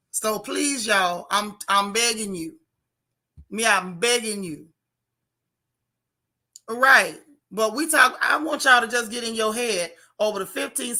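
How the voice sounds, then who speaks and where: Bright, raspy, wheezy-voiced woman streamer. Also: fairly high pitch. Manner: emphatic, preachy, repeats phrases for stress. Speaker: livestream host giving news updates. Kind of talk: casual livestream talk, answering viewer comments.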